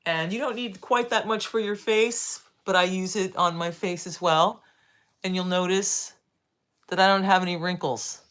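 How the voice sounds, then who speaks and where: The woman, sixty, speaks at a normal speed in a fairly low, somewhat bright voice with fairly even intonation. She hosts a live video and demonstrates as she talks, casually, often repeating herself and using tag questions.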